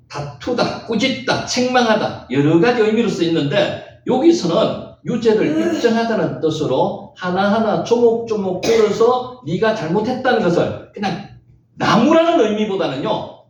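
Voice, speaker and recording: A man's voice: high-pitched, slight background noise. A man giving a Bible lecture, stressing key words by repeating them and quizzing his listeners. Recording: very echoey room, mic far off.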